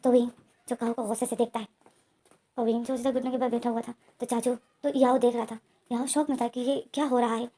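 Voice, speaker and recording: A woman's voice: a little high, flat delivery, a little fast, mellow. A woman narrating a story recap in a run-on retelling style, repeating names often.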